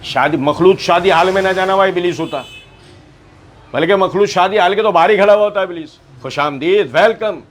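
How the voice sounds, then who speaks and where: A man's voice: sits high, a little hiss or hum. A male preacher giving a sermon on scripture, firing rhetorical questions at his listeners and acting out the voices he quotes. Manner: lively, acts out quoted voices. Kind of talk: Quran commentary sermon.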